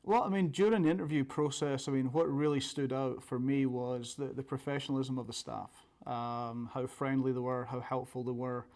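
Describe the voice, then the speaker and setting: Male coach, thick Scottish accent, medium pitch, level intonation, informal interview delivery. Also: steady tone, normal speed, few pauses, a little mellow. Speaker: college soccer coach.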